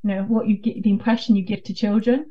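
A British-accented woman, co-founder of a dyscalculia network, explains things as a guest in a radio interview. She speaks fast in a mid-range voice with little pitch movement, over a dull, slightly distant remote link.

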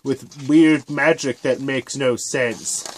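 A man voicing a bitter, resentful pony princess of the night in a parody cartoon dub, with a sulky, drawn-out delivery. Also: medium pitch, steady tone, a little hiss or hum, close to an everyday voice.

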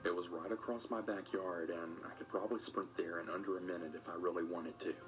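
A man reading a first-person scripted story in a matter-of-fact way, as narrator of an animated video. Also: low voice, fast. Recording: music playing under the voice.

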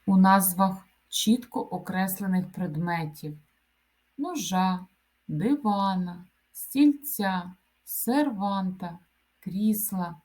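Woman teacher, grammar lesson; unhurried, measured word-by-word delivery. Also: mid-range voice, animated, a little mellow. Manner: slow, deliberate dictation-like delivery. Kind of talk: grammar lesson, reading example word lists.

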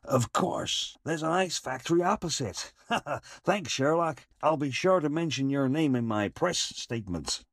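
A man's voice: fairly high pitch, animated, unhurried, no echo, clean studio sound. An actor playing a sarcastic male police inspector in an audio drama, with a sardonic way of talking.

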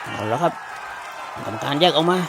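A man giving excited, exclamatory boxing commentary as a Muay Thai fight commentator. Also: normal speed. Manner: exclamatory, reacts to each strike with repeated interjections. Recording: loud music and crowd noise behind. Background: loud music and crowd.

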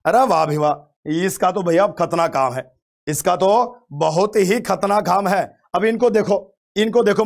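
A man teaching English vocabulary in an online exam-prep lesson, playful and teasing, repeating words again and again and chatting to his students. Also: sits high. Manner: addresses students as "bachche", chatty.

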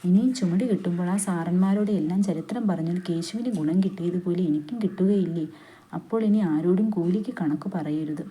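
A woman reading a literary story aloud in a steady, unhurried narrating voice, with dialogue quoted along the way. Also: lowish voice. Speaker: story reader.

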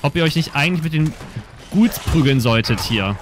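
A man's voice: on the high side, expressive, moderate pace, background noise. A man streaming a game, giving laid-back, musing casual commentary as he plays.

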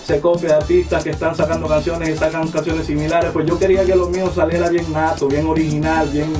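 This Honduran reggaeton artist, a guest on a radio interview, speaks fast with a darkish tone, a voice on the high side and little pitch movement. His casual talk is hesitant, with many fillers and restarts. He is picked up by a distant mic while music plays in the background.

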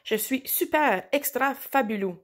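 Woman reader doing an earnest, clumsy young male wolf, slightly high storybook voice. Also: lively intonation, unhurried.

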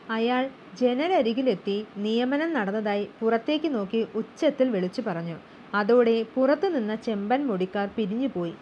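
A woman's voice: on the high side, a little mellow. Woman reading a storybook aloud. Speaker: audiobook reader. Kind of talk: storybook narration. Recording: slightly dull with faint hum.

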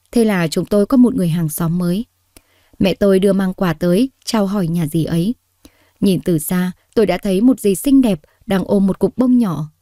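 A woman storyteller reading a story aloud in a steady, expressive way. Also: mid-range voice, dry recording, clean studio sound. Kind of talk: scripted story narration.

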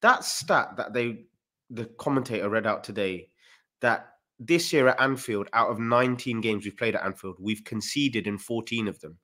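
A man co-hosting a casual football chat over a video call, animated and often jumping up in pitch. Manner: animated, quick rises in pitch. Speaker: co-host. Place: home room, video call. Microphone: desk mic on video call.

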